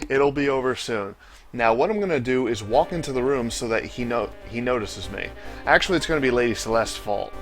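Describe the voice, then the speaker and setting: A man's voice: medium pitch, lively intonation, fairly quick, soft background music. A man hosting a let's play, giving casual commentary on a game. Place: voice-over on game footage.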